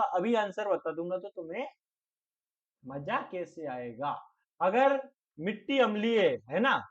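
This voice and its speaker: A man teaching an exam-prep class, repeating questions and breaking off to joke with and scold his students. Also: high voice. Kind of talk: online exam-prep lecture. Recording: dull lo-fi audio.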